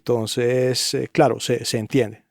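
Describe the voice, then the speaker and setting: A man's voice: mid-range voice, level tone, takes it slowly, gravelly, no echo. A man guesting on a podcast interview, talking emphatically and with strong opinions. He keeps pressing his point with rhetorical questions in a middling voice. The sound is close and dry. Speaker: guest, audio engineer.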